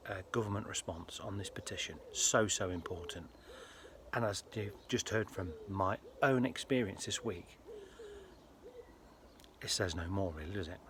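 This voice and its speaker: A British man with a fairly low voice talks to his viewers in a casual personal vlog. His delivery is earnest and halting. There is faint ambient noise behind him. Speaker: health vlogger.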